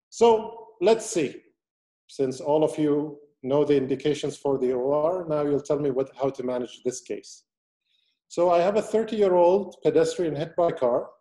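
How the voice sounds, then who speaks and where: Mellow-voiced man giving a medical lecture. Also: a little high. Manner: methodical teaching with audience questions. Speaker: surgeon lecturer.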